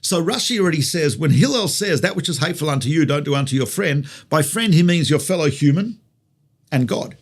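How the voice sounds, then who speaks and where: Fairly quick and expressive, this Australian man teaches as a rabbi, telling stories in a conversational style. His slightly high voice carries a clear gravelly fry, and he leans on rhetorical questions and repeated key phrases for emphasis.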